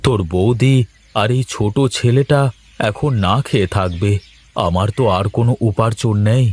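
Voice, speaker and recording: A man voicing a poor injured husband who speaks gently and apologetically in a cartoon story. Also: lowish voice, normal speed, natural voice. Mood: weary. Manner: weary, gentle. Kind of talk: animated cartoon voice acting.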